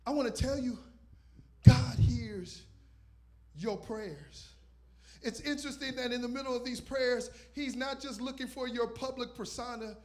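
A visiting pastor speaks a little slowly as he preaches on a church stage with purple lights, a mic in his hand. His strikingly high voice ranges from loud, shouted declarations to quiet asides that are nearly whispers.

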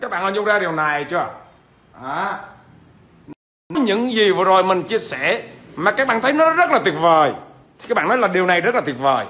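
A man's voice: high voice, big pitch swings, fairly quick, pauses often, bright, forceful tone. A man, a business trainer, giving a livestreamed lecture; he stammers at times and keeps checking in with viewers through questions.

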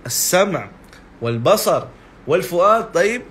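A man's voice: high-pitched, sing-song, moderate pace, fairly bright tone. A man preaching informally, who answers his viewers' comments in an earnest and exasperated way. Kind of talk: informal religious talk on a live stream.

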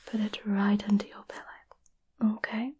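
A woman doing a whispered role-play as a gentle, caring witch, soothing and a little hesitant, close to the microphone. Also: medium pitch, flat delivery, unhurried, a little hiss or hum. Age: 20s. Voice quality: breathy whisper. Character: gentle, caring centuries-old witch offering potions. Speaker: ASMR performer. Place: small candlelit indoor room.

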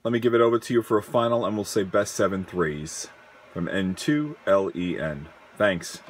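A man's voice: sits low, moderate pace, slight background noise. A man giving a casual equipment demonstration as an amateur radio operator, recorded on a handheld camera in a small room. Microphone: handheld camera or phone, operator behind it.

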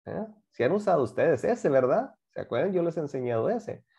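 A man's voice: a little high, sing-song, fairly quick, vocal fry, dark tone, breathy edge. A man teaching a class, patiently explaining grammar and repeating examples while asking students to join in. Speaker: English teacher.

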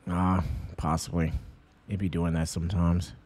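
A young man streaming a roleplay game, chatting casually with friends in an excitable, slangy way that keeps breaking into laughs. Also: sits low, normal speed.

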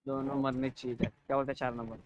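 A man's voice: mid-range voice, level tone, quick pace. A young man teasing and boasting, calling out moves while playing an online shooter with friends. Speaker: gamer. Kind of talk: casual gaming chat. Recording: dull lo-fi voice chat with faint noise.

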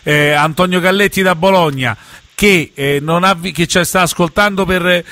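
A man's voice: high voice, normal speed, pushed and bright, no echo. A man hosts a live football radio show. The talk is casual and the sound is dry, with little room around it.

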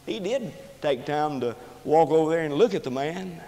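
A man preaching a sermon in a church, impassioned, rising and falling sharply in pitch and loudness. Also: animated, moderate pace. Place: church sanctuary. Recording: reverberant church hall recording.

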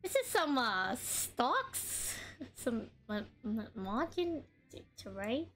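A woman's voice: on the high side, big pitch swings, slow, a bit bright, faint music behind. A woman streaming a card game, chatting casually and bubbly, laughing often and talking while she eats.

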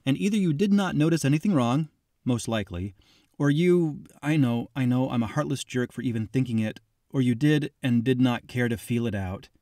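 Male audiobook narrator, mid-pitched, reflective, confiding first-person read; dry booth. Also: lively intonation, normal speed, warm tone, no echo. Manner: reflective, confiding, addressing the listener as "you".

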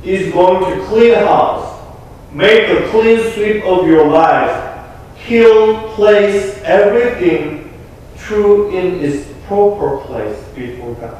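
A young man with a Korean accent, a pastor delivering an earnest, emphatic sermon with deliberate pauses. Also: high-pitched, animated, a little mellow, slight background noise. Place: small church sanctuary. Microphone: room mic from a distant camera. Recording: echoey church from far off.

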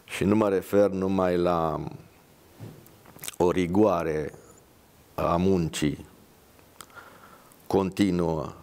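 A man reading his drama aloud and reflecting in a measured way, pausing often. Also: low voice, fairly even intonation, darkish tone. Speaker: writer reading his work.

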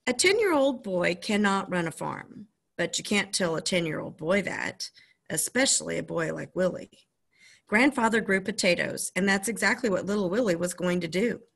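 A woman's voice: lowish voice, lively intonation, moderate pace, vocal fry, fairly bright tone. A woman reading a children's chapter book aloud to her listeners, with casual, friendly asides between passages. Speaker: storyteller reading a children's novel.

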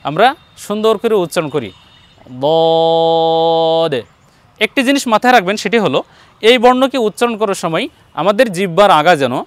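A man with a fairly high voice teaches a Quran reading lesson, speaking patiently and straight to his viewers. He stretches out each letter sound so they can repeat after him. The sound is dry and close, with no room echo. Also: fairly bright tone. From Bangladesh. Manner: patient, addresses viewers directly, drawn-out letter sounds for repetition. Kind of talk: step-by-step pronunciation lesson.

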